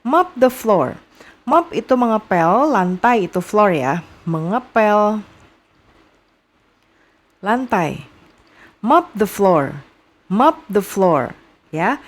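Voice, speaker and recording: A young woman with an Indonesian accent teaching vocabulary to young students, repeating each phrase slowly and patiently. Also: medium pitch, very animated. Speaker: English teacher.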